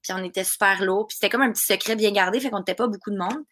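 A woman's voice: medium pitch, racing, fairly bright tone. A woman with a Québécois accent, a dubbing actress chatting casually as a guest and laughing often. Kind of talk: casual interview chat.

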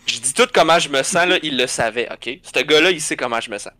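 A man with a Québécois accent telling an animated story in casual chat, swearing often and acting out the scenes. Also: a little high, quick pace. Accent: Québécois French.

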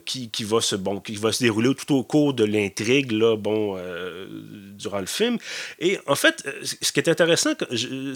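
Low-voiced Québécois man reviewing a film. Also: fairly bright tone. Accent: Québécois French. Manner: hesitant, many fillers and self-corrections. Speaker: podcast host and film critic. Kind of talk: casual film review monologue.

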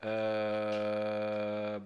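A man's voice: fairly low pitch, monotone, very slow, a little mellow, dull audio. A young Québécois man chats on his homemade podcast. He rambles, restarts his sentences and repeats words. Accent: Québécois French. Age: young adult. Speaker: podcast host. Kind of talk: casual podcast chat. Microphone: home podcast mic.

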